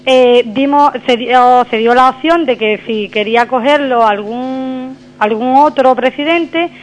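Woman phoning in to a radio show, high voice heard over the phone line, hesitant and full of fillers. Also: a little slow. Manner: hesitant, many fillers and restarts. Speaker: radio caller.

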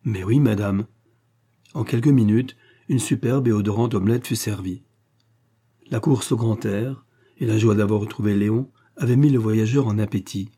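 A man reading a novel aloud as an audiobook narrator, steady and even. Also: on the low side, moderate pace, breathy edge.

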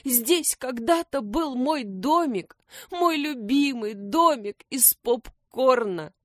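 A woman's voice: sits high, expressive, slow pace, a bit bright, no room sound, studio quality, pitched above the performer's own voice, exaggerated voice. A woman voicing a fussy, tearful little male hedgehog who whines and complains. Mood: whiny. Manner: whiny, complaining.

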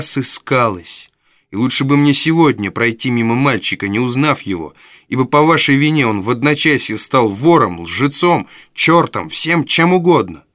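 A man's voice: medium pitch, no room sound, studio quality, close to an everyday voice. A man voicing a fierce young woman thief who cries out and defies her gang. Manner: shouting, pleading, defiant.

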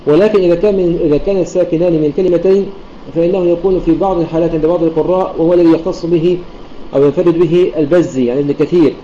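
A man with a dark, warm, fairly high voice teaches Quran recitation online, explaining each rule quickly and then reciting the examples. The sound is dull and lo-fi, like an online voice chat room, with a faint hiss underneath. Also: steady tone. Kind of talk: online lesson on recitation rules.

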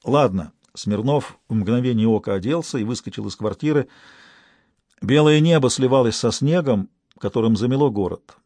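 A man narrating a detective novel as an audiobook in a measured, even way. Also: mid-range voice, dry recording. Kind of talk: scripted narration.

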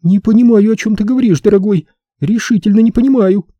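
A coy, scheming woman sweetens every word with false innocence, high and lively in the voice, as a male narrator puts her on. It is a dark, husky audiobook read, close and dry. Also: fast talker, no room sound, dull audio. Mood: coaxing.

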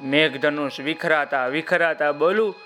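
A middle-aged male storyteller reading to young children. He takes his time, lilting up and down, and keeps turning to speak to the listeners directly. His voice sits high for a man, and faint music plays behind him. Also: measured pace. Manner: warm, sing-song, addresses listeners directly.

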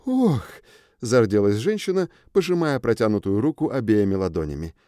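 A man narrating an audiobook in the first person, expressive with a wry tone. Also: on the low side, fairly quick, no echo, clean studio sound.

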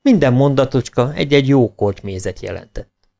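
A man narrating a children's storybook audiobook in an expressive way. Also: mid-range voice, vocal fry. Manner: expressive, animated. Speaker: audiobook reader.

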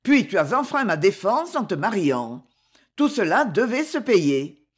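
A man's voice: high voice, very animated, heavily acted. A woman reader voicing a cruel, sarcastic aristocratic count who speaks coldly and with menace. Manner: cold, sneering, measured.

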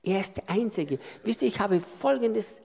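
Gravelly high-voiced man preaching in a hall. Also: animated, moderate pace. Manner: emphatic, repetitive preaching with sudden loud swells. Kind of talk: sermon. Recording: long reverb of a large hall.

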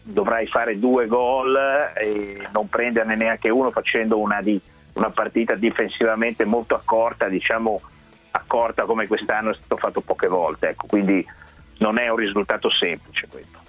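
A man giving measured football commentary as a guest on a sports radio programme. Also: on the low side, no echo. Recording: narrow phone line, faint music.

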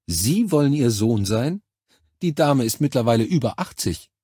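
A man with a husky voice voicing a young female nurse who speaks with cold, falsely cheerful professional politeness. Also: a little high, animated, normal speed, darkish tone, no room sound, studio quality, voice pushed up. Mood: brisk. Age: 20s.

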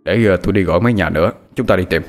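A man voicing a middle-aged village father who speaks in a measured, reassuring way. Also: low-pitched, soft background music, lightly acted. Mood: calm.

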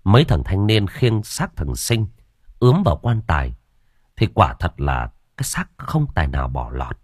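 A male storyteller reading a spooky village tale aloud. His voice is very deep and husky, yet the pitch moves a lot as he tells the story. The recording is close and dry, with no room sound. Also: very animated, moderate pace, no room sound. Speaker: audiobook narrator. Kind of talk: dramatic horror story narration.

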